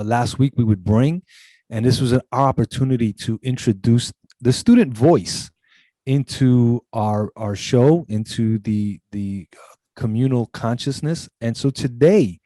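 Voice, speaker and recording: A man's voice: medium pitch, mellow, no echo. A man hosting a college talk show, giving earnest, formal introductions over a video call. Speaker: show host.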